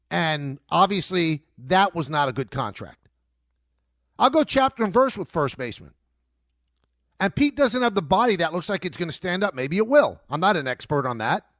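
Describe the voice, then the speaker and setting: A man's voice: high-pitched, fairly bright tone, no echo, studio quality. A middle-aged man hosting a sports talk radio show, emphatic and argumentative, repeating his points.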